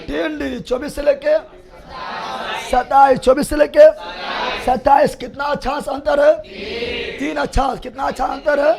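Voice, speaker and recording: A man teaching a class, shouting out facts for the students to chant back. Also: extremely high pitch, level tone, moderate pace, creaky, long pauses, crowd noise. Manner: loud call-and-response drilling, shouting. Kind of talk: classroom lesson drill.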